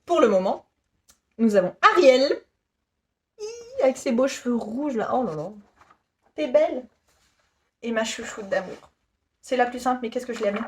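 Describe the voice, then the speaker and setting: A woman in her thirties presenting her work in a casual, giggly, self-deprecating vlog chat. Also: high voice. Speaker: YouTuber presenting her shop.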